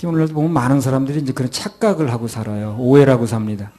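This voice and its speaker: A man's voice: medium pitch, fairly even intonation, rapid-fire, mellow. A male pastor giving a sermon, acting out people's excuses in quoted voices.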